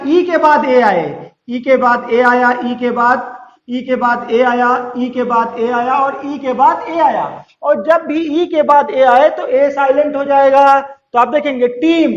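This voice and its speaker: A man teaching a lesson to students, repeating each rule slowly and asking them questions before answering himself. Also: extremely high pitch. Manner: slow, drawn-out repetition of rules; addresses students directly, asks and answers questions. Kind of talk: classroom-style lesson. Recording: roomy, slightly dull sound.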